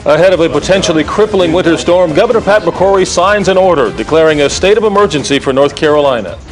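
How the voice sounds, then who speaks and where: A man's voice: fairly high pitch, animated, fast talker, over music, rough recording. An American man anchoring a TV newscast, reading scripted news.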